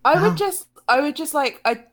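Relaxed woman podcast co-host. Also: high voice. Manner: relaxed, conversational, quick agreeing asides. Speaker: podcast co-host discussing a book. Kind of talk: casual chat.

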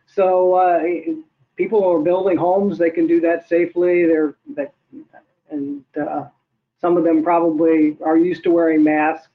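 An older man, an economist, explaining figures in a measured way with many hesitations. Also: fairly high pitch, flat delivery. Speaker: guest economist. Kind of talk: interview answers. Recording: tinny phone-like line.

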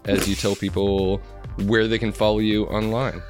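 A man's voice: lowish voice, level tone, normal speed, darkish tone, soft background music. A man with a Midwestern accent hosting a casual comedy podcast, rambling and stammering as he jokes. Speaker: podcast host. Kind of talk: casual comedy panel chat.

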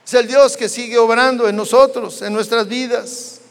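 High-voiced Mexican preacher in a reverberant hall. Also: male voice, fairly even intonation, moderate pace. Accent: Mexican Spanish. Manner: dramatic storytelling, acting out biblical dialogue. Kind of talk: sermon. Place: church hall. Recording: long church-hall reverb.

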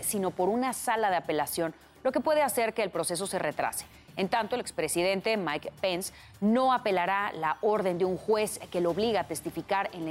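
Female news anchor, Mexican accent, mid-pitched, scripted news reading, faint music behind.

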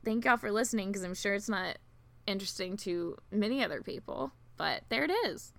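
A woman's voice: medium pitch, a little fast, gravelly, a bit bright. A woman chatting casually as a podcast co-host, giggly and self-deprecating, her speech slightly thick and slurred as if from a swollen tongue. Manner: giggly, self-deprecating, filler-heavy rambling. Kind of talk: casual chat.

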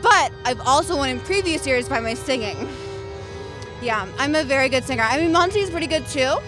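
A woman's voice: sits high, expressive, a little fast, over music, rough recording. A woman playing a vain 1980s beauty queen who brags about her talents. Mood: boastful. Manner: boastful, self-satisfied bragging.

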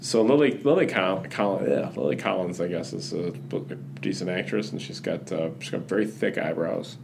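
A man's voice: deep voice, lively intonation, normal speed, vocal fry, darkish tone, a little hiss or hum. A man hosting a podcast, chatting casually and rambling with lots of restarts and fillers. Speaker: podcast host. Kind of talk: casual chat.

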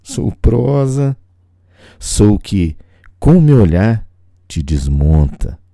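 A man performs dramatic spoken-word poetry in a very deep, extremely mellow voice. He takes his time, leaving pauses between short sensual phrases. The recording is dry and intimate. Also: sing-song, gravelly, no echo.

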